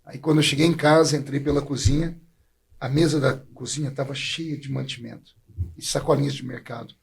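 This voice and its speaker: Gravelly husky preacher telling his story. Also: mid-range voice, fairly even intonation, brisk. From Brazil. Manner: heartfelt storytelling, voice catching with emotion. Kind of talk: emotional personal testimony.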